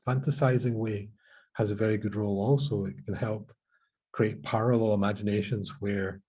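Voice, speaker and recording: A low-voiced Scottish man in a conference panel discussion, talking thoughtfully and hesitantly, often restarting his phrases. His tone is dark and mellow, with a husky edge. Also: fairly even intonation, normal speed. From Scotland.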